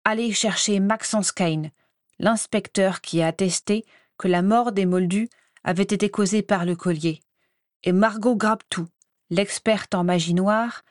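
A man's voice: sits high, a little slow, no room sound, studio quality. A woman voicing a furious, pompous male ministry official who barks orders at his assistants. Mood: commanding. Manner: barking orders.

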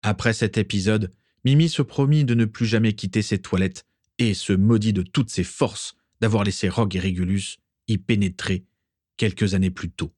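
A man narrating a story in an expressive, dramatic reading style. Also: on the low side, moderate pace, no room sound, studio quality. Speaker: audiobook narrator.

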